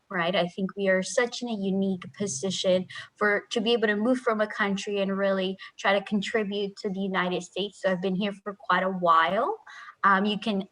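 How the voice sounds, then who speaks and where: A woman's voice: mid-range voice, fairly bright tone, poor audio. A woman in her twenties, from Peru, giving an upbeat, chatty recruiting presentation over a video call. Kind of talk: friendly presentation.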